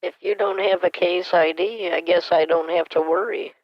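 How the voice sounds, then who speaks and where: A man putting on a creaky, hard-of-hearing old woman. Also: high voice, fairly even intonation, normal speed, dry recording. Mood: confused. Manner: hesitant, stammering, keeps asking to repeat. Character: frail elderly woman, hard of hearing, confused. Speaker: caller posing as a victim. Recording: muffled phone call.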